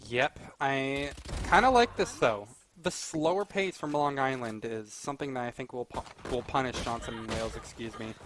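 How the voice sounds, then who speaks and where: A man doing live play-by-play as an esports caster, excitable and conversational. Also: mid-range voice, normal speed, hardly any pauses, background noise.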